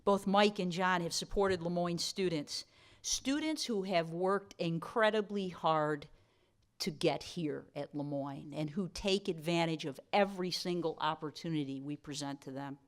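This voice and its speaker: Woman, low voice, formal dinner speech, playful asides to the crowd. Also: a little slow. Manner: warm, playful asides to the audience. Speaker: college president giving dinner remarks.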